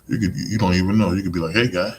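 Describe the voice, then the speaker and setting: A man's voice: deep voice, fairly even intonation, very fast, darkish tone, breathy edge. A man hosting a live-streamed podcast, talking in a rambling, conversational monologue full of "you know" asides. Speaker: podcast host.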